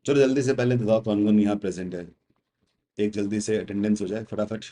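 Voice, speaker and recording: A man's voice: on the low side, steady tone, fairly quick, dark tone. A young man with an Indian accent, teaching test prep in a chatty, teasing way on a casual livestream. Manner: chatty, teasing, mixes Hindi and English.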